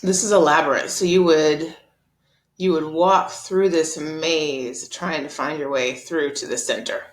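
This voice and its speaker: A woman teaching an art lesson over slides, explaining in a relaxed, chatty way with frequent ums and uhs. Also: low voice, a little slow. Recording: roomy echo.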